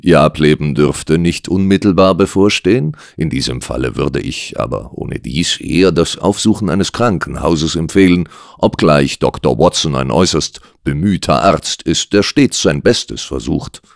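A man voicing a composed male detective in an audiobook, speaking in a calm, measured, precise way. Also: low voice, no room sound, studio quality.

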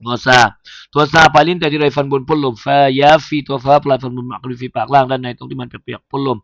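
Male recitation teacher with a Thai accent, chanting letters slowly, dry close lo-fi recording. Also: medium pitch, fairly even intonation, creaky, a bit bright, no echo. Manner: slow melodic spelling chant, then brisk explanation. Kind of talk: chanting Arabic letters then explaining in a lesson. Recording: dull lo-fi sound.

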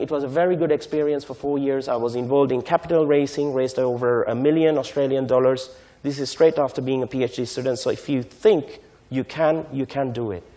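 A man in his thirties, originally from Sri Lanka, speaks in a warm, medium-pitched voice. He gives a conference lecture into a podium microphone in a large hall. He stresses key words and often asks "right?"

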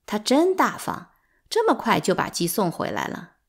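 A woman voicing a sharp-tongued household maid who talks in a sardonic, teasing way in a storybook reading. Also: mid-range voice, very animated, moderate pace, vocal fry. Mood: mocking.

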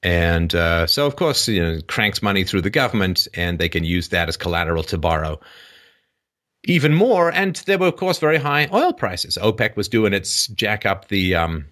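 Male call-in host, low but forceful and sharp, lecturing with sarcastic asides. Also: big pitch swings, normal speed. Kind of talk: explanatory monologue to a caller.

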